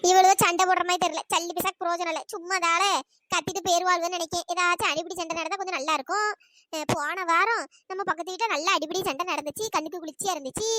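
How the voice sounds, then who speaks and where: Squeaky, fast-talking meddling village gossip, voiced by a woman. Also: fairly even intonation, sharp tone, no room sound, clean studio sound. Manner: scolding, sly and gossipy. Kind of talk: cartoon voice acting.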